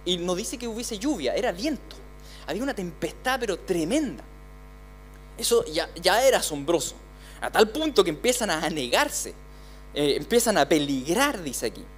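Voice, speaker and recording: A man's voice: high-pitched, sing-song, moderate pace, slight background noise. A man with a Chilean accent preaching a sermon as pastor, speaking conversationally with many repeated words. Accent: Chilean Spanish. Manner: conversational, repeats words, voices the disciples' pleas. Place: church.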